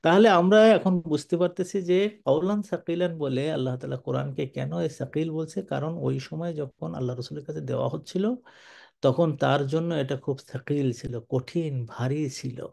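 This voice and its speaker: An older man giving a sermon-style Quran commentary, lively and colloquial, moving between slow Arabic recitation and quick speech. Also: a little high, creaky.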